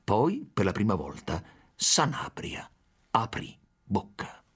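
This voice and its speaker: Male narrator, audiobook reading, husky voice, animated melody, dramatic delivery. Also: lowish voice, slow.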